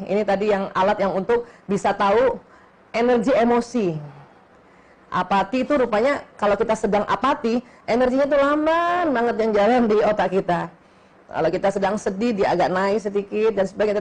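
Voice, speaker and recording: A middle-aged woman giving a religious lecture on faith and the brain, explaining patiently and often checking in with her listeners with a quick "ya", slowing down to stress key terms. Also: medium pitch, a little mellow.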